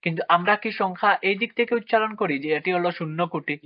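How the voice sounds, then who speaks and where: A man's voice: sits high, racing. A man teaching a maths lesson to children at a board, asking questions and answering them himself. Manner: asks questions and answers them himself, with frequent check-ins. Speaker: math teacher. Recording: dry, dull lo-fi sound.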